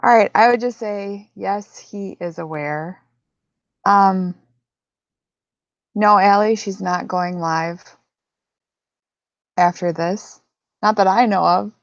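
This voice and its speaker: A woman co-hosting a casual livestream Q&A, reading viewers' comments aloud in an unhurried way. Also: medium pitch, no echo. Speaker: livestream co-host. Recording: dull, dry lo-fi audio.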